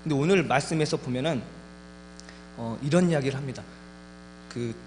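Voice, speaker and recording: Male preacher, animated sermon delivery, long reverb in a church hall, faint hum. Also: fairly high pitch. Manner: animated preaching with rhetorical questions. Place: church sanctuary.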